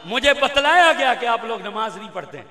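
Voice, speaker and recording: A man preaching an emotional religious sermon, chanting refrains and building to impassioned shouting. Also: extremely high pitch, lively intonation, fairly quick. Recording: echoey hall reverb.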